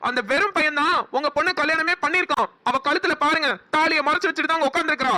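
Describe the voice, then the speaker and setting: Actor voicing young cartoon brother, high and fast. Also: sharp tone. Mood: angry. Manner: fast, defensive. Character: young man, protective elder brother. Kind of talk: cartoon voice acting.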